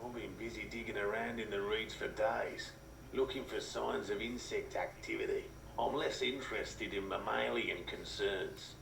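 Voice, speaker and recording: Gravelly cryptozoologist, dry and lecturing. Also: male voice, lowish voice, fairly even intonation, moderate pace. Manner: dry, lecturing, slightly sarcastic. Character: middle-aged male cryptozoologist, dry and patient. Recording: roomy distant game audio with hiss.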